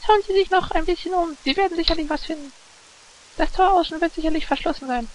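A man doing a high falsetto young woman. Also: quick pace, slight background noise, rough recording. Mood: practical. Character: young woman, calm and practical. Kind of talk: reading game dialogue aloud.

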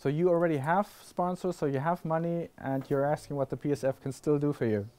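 On a conference panel in a classroom lecture hall with an audience, a man answers questions thoughtfully, often restarting sentences and using fillers. His voice is on the high side, a little fast and a little mellow.

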